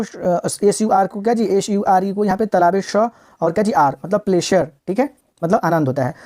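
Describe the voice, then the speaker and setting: Mellow-voiced woman drilling pronunciation. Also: fairly low pitch. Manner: drills words by repeating them and asks rhetorical questions; slows down to spell and sound out words. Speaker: teacher. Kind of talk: recorded vocabulary and pronunciation lesson.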